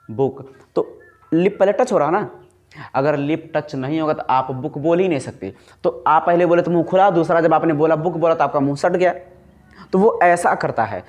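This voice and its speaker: A man teaching a grammar lesson, repeating sounds slowly to demonstrate pronunciation and asking questions he answers himself. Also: on the high side. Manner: asks the class questions and answers them himself.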